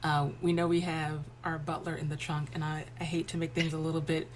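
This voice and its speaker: A woman's voice: deep voice, level tone, fairly quick, slight background noise. A woman playing in a tabletop role-playing game, chatting casually and apologetically over livestream headset audio. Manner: chatty, apologetic, breaks into laughs.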